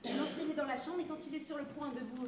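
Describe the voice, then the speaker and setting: Actress as high bossy scheming woman, brassy stage voice, roomy far-off live recording with loud audience laughter. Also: steady tone, very fast, a crowd in the background, lightly acted. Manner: brassy, commanding stage delivery.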